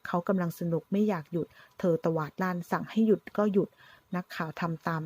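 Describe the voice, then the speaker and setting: A woman narrating a retelling of a drama in a steady, brisk storytelling manner. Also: on the low side, slightly rough. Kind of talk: scripted narration of a drama recap.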